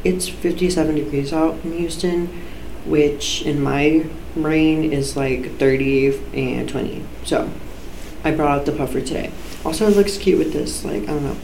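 Super echoey room, bad mic, mellow podcast host just chatting casually, swears a bit, rambly. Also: mid-range voice, unhurried, gravelly. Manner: informal, sweary, self-interrupting. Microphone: low-quality microphone. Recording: echoey room, poor mic, background noise.

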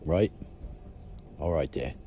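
A man's voice: a bass voice, takes it slowly, mellow, slight background noise. A man playing a down-on-his-luck married guy giving a folksy, rambling podcast update full of homespun sayings. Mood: glum resolve. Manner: folksy, homespun sayings, keeps tagging "there". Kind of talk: casual phone podcast monologue.

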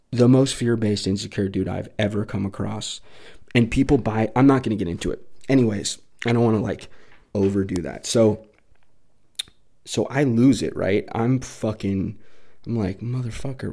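A man's voice: lowish voice, dark tone. A man hosting a podcast, telling a raw personal story in a rambling way, swearing often. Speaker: podcast host. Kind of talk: candid personal monologue.

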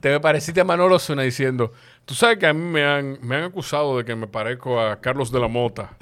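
Un presentador de podcast que conversa de forma relajada y animada, con risas frecuentes y tono bromista. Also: male voice, medium pitch, brisk. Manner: lively, laughs often, teasing. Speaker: podcast host. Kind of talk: casual chat.

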